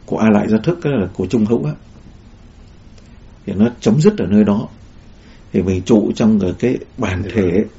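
A man's voice: fairly low pitch, creaky, warm tone. A man giving a Buddhist dharma talk in a rambling way, with many fillers and restarts. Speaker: Buddhist teacher. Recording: dull lo-fi recording.

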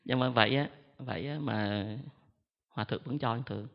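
A male Buddhist monk gives a relaxed, self-mocking talk, pausing often on a drawn-out "à". His voice has a gravelly edge. The sound is dull and lo-fi, with a long echo from a large hall. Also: medium pitch. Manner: chatty, self-mocking, fills pauses with drawn-out "à". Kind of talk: storytelling dharma talk to an audience.

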